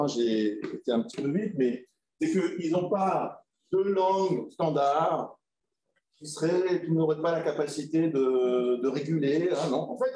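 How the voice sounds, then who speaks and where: A man delivering an academic talk to an audience, explaining step by step. His voice is somewhat high yet dark and mellow in tone. It is recorded in a roomy, echoey lecture hall with a faint ambient hum behind it. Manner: explanatory, with frequent "hein" and "voilà" fillers. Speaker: researcher giving a conference talk. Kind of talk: academic presentation.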